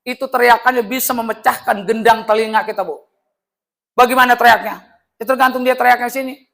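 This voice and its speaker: Animated high-pitched male religious teacher. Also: fairly quick, vocal fry. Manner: animated, joking, acts out quoted voices. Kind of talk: lively classroom lesson with jokes.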